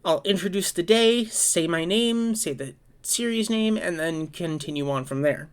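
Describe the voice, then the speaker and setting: A woman with a fairly low voice chats on her own in a casual vlog. She rambles and goes off on tangents, corrects herself mid-sentence, and swears now and then. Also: moderate pace, clear, resonant tone. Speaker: vlogger. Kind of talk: casual solo chat and storytelling.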